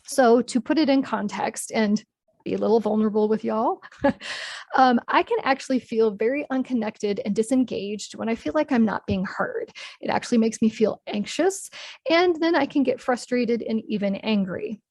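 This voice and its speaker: High-voiced woman leading a workshop. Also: normal speed, darkish tone, no room sound. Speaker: workshop presenter. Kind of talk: live online training talk.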